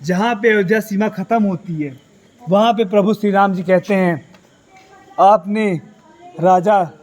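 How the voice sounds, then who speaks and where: High-voiced man telling a story to children. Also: darkish tone, low-quality recording. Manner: asks rhetorical questions and answers them himself; sings the crowd's plea in a drawn-out chant. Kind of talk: storytelling to schoolchildren. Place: school hall at night.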